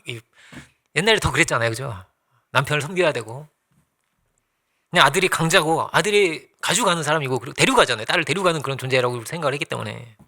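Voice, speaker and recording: A man's voice: fairly high pitch, pushed and bright. A middle-aged male pastor preaching a sermon in church, telling family stories and acting out the quotes with laughs. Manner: storytelling with acted-out quotes and frequent laughs. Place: church sanctuary.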